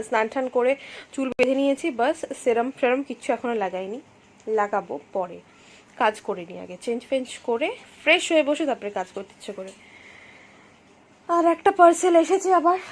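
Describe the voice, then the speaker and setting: A young woman, chatting casually through her daily vlog and mixing in English words. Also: high-pitched. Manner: speaks softly while her daughter sleeps. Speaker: vlogger. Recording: faint background noise.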